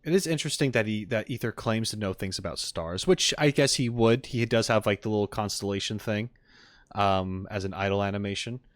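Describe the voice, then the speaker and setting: A streamer reacts to game trailers and voice lines, giving casual, off-the-cuff commentary as he muses and thinks aloud. His voice is on the low side and brisk, in a dry recording.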